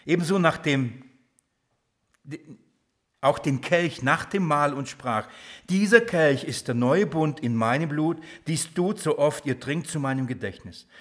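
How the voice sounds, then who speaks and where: A male preacher with a slightly high voice gives a lively sermon to his congregation. He keeps asking them questions and drops to a quiet, urgent tone for emphasis.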